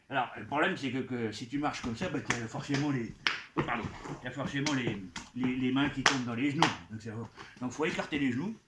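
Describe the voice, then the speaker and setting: A man's voice: mid-range voice, sharp tone. A man performing a playful live comic show for children, coaxing and talking straight to the young audience. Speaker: children's entertainer playing a goblin expert. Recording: echoey live venue with background noise.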